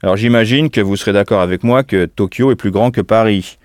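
A man teaching as a language tutor in a scripted audio lesson, speaking slowly and spelling words out letter by letter. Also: lowish voice, dry recording, clean studio sound.

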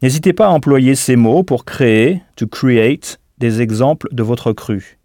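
A man leads a scripted audio language lesson in a dry studio sound with no room around him. His voice sits at an ordinary mid pitch. He talks slowly and deliberately and spells words out letter by letter. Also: dark tone, dry recording. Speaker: language teacher.

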